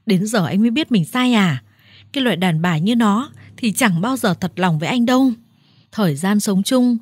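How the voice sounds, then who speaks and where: A woman voicing a furious older village woman who scolds her brother in a harsh, shouting manner. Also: mid-range voice, breathy edge, dry recording, clean studio sound.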